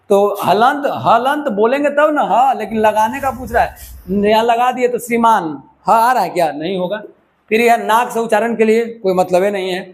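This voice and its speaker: High-voiced male grammar teacher. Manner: conversational, checks in with listeners often. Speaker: exam prep teacher. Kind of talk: Hindi grammar lesson. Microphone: microphone.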